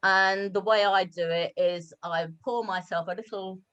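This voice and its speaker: Woman from the UK, guest teacher on a video call; candid and chatty, mid pitch. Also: fairly even intonation, unhurried, a bit bright, dull audio. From United Kingdom. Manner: candid, chatty, with hesitant restarts. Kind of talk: casual online talk.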